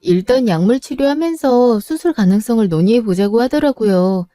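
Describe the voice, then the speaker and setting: A woman's voice: a little high, animated, normal speed, warm tone, no room sound, studio quality, soft background music. A woman narrating a family drama and speaking as the worried, pleading wife.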